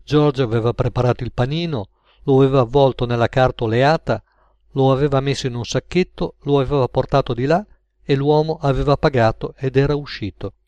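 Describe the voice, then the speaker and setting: Male narrator, audiobook, measured, dry close sound. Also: medium pitch, darkish tone, dry recording. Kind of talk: audiobook reading.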